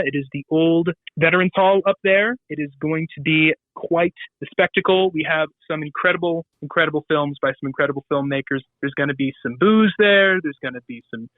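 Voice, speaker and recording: A man's voice: a little high, brisk, hardly any pauses, dry recording. Male radio guest from Southern California, loose rambling delivery, phone-quality audio, dry. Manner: loose, rambling, crude humor with many fillers. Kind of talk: casual radio interview. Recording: tinny phone-line sound.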